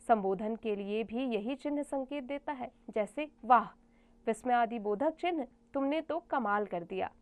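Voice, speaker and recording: A woman teacher explaining grammar to children, reading example sentences aloud in a clear, explanatory way. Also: on the high side, darkish tone.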